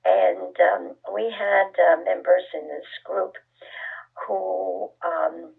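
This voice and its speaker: An older woman from Austria, talking slowly and thoughtfully as an interview guest, softly and breathily at times. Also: fairly low pitch, fairly even intonation, creaky, breathy edge. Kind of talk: conversational interview. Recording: tinny phone line.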